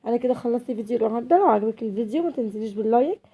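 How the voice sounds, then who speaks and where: A woman's voice: on the high side, animated, racing, mellow, slightly rough. An Egyptian woman with a cold, hosting her home cooking channel and chatting directly to viewers as she cooks. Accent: Egyptian Arabic. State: has a cold.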